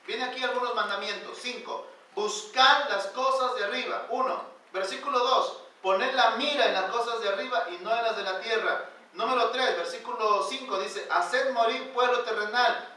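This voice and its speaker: A male pastor preaching a sermon in a church, pushing phrases up loud and then sinking them to a near hush. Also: very high-pitched. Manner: emphatic preaching, rising loud then dropping quiet. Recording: very echoey church hall, voice from far off.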